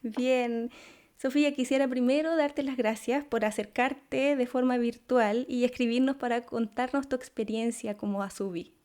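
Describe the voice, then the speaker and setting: A woman hosts an interview podcast in Spanish, reading a scripted introduction and then asking questions. Her voice is on the high side and a little mellow, with fairly even intonation and a moderate pace.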